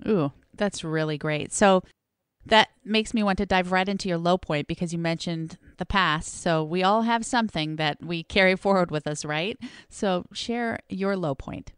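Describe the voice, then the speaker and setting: A woman hosting a podcast interview, responsive and encouraging in her replies. Her voice is rather low and exceptionally smooth and clear. It sounds close and dry, with no room echo. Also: fairly bright tone. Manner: responsive, encouraging, quick reactions. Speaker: podcast host.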